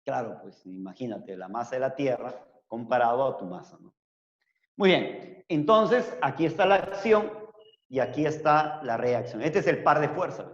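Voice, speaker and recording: A man's voice: mid-range voice, lively intonation, moderate pace. A man teaching a physics class, explaining step by step and asking rhetorical tag questions. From Peru. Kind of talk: lecturing an online class. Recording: roomy, reverberant, dull lo-fi sound.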